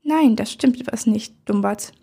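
A woman's voice: a little high, moderate pace, gravelly, dark tone, husky, full character voice. A woman reading as a grumpy troll king. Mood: gruff scolding. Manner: growling, scolding. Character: gruff male troll king, bossy and irritable.

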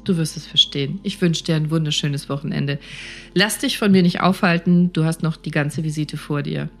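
A woman voicing a gravely ill older man who speaks softly, calmly and seriously. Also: a little high, moderate pace, soft background music. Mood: gentle. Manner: soft, calm and serious.

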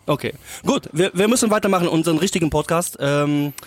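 A man's voice: fairly high pitch, fast, no room sound, natural voice. A man playing a bumbling fake-French podcast host with a mock French accent, hesitating and repeating himself. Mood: mock serious. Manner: hesitant, many ums and repeats. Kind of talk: comedy sketch.

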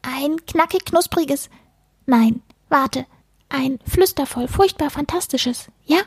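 A woman voicing an excitable, lisping little male creature that eats books, in a storybook reading. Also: takes it slowly, dry recording. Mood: excited. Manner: high, gushing, savoring words.

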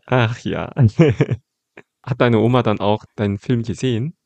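A man hosting a casual interview, talking calmly and attentively, often ending sentences with a questioning tag. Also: medium pitch, unhurried, gravelly, no room sound, muffled recording. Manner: calm, attentive, frequent "ne?" tags and "mhm". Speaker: podcast host.

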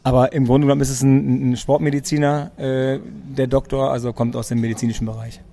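A man with a gravelly, dark voice talks casually as an interview guest. He tells his story in a chatty way, often circling back and repeating words as he searches for phrasing. He sits in a restaurant for the conversation. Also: medium pitch, flat delivery, fast. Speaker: interview guest, sports physician. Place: restaurant in Munich.

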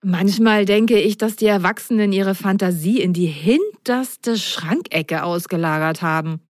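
A woman voicing a lively, mischievous young girl in a storybook reading, excited and bubbly. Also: medium pitch, a little slow, dry recording, studio quality, natural voice.

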